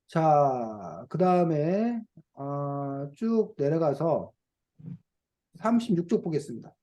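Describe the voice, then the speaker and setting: Teacher on a video call w/ kids, swoopy animated voice, keeps asking them stuff. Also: mid-range voice, takes it slowly, highs cut off. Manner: animated, asks children questions and plays out dialect phrases. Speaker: reading and writing teacher for children. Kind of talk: online video class.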